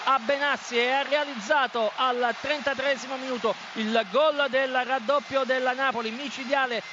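Very high-pitched man calling goals urgently. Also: fairly even intonation, moderate pace. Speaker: football radio commentator. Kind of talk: live goal commentary. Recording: dull lo-fi broadcast, stadium noise.

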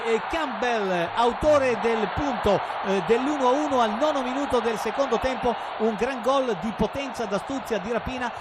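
Man, excited goal commentary, very high emphatic voice, hesitant on names, noisy broadcast. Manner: emphatic, often shouting, hesitant before names. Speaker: football commentator.

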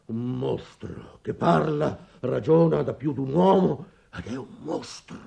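An actor playing an anguished old merchant father in a radio play, speaking with dramatic swells and hushed moments. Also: medium pitch, takes it slowly, gravelly, husky, exaggerated voice. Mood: earnest.

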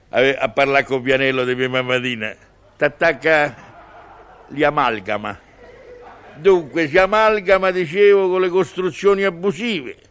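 A comic monologist with a Roman accent muses humorously in colloquial dialect, conversational and wry. His voice is on the high side, with a fairly bright tone.

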